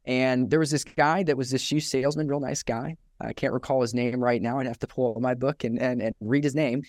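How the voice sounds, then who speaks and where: A man's voice: mid-range voice, brisk, no echo. A young man tells a story in a casual podcast chat. His voice sits mid-range and sounds close and dry. He jumps into the voices of the people in the story and laughs easily. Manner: animated storyteller who acts out quotes, laughs often. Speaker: podcast host.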